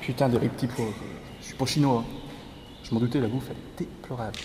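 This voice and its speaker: A man's voice: mid-range voice, steady tone, quick pace, natural voice. A young man playing a complaining, boastful crew member on a film set. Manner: complaining, cocky. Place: large warehouse film set. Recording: echoey hall with faint noise.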